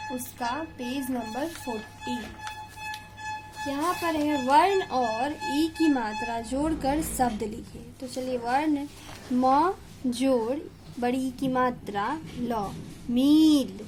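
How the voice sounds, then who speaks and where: Slow, high-voiced woman teaching small children. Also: over music. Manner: drawn-out, stressed pronunciation of syllables for children. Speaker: kindergarten Hindi teacher. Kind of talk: slow classroom video lesson.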